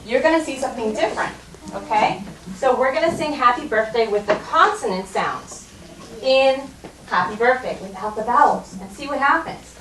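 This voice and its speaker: Brief: American first grade teacher, woman, slightly high voice, patient and encouraging, in a noisy, echoey room. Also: lively intonation, recorded from a distance. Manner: patient, encouraging, slow drawn-out modeling of sounds. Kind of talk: phonics lesson with a child. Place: classroom.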